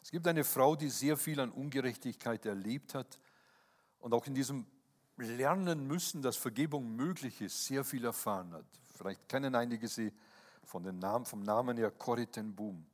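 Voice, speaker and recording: A man's voice: medium pitch, moderate pace. Picture a man in the middle of a sermon, speaking earnestly and turning to his listeners with a questioning "ja?" as he goes. His voice sits in an ordinary middle register. Long reverb trails after his phrases, as in a large church hall. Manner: earnest, often adds a questioning "ja?" to address listeners. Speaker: preacher.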